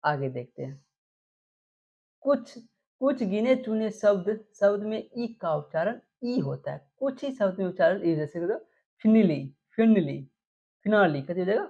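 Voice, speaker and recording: A woman's voice: medium pitch, animated, measured pace, dark tone. A woman teaching English spelling rules, who repeats each example word and asks the class questions before answering them herself. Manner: repeats words and quizzes with questions. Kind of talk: explaining rules to students. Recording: dull lo-fi recording.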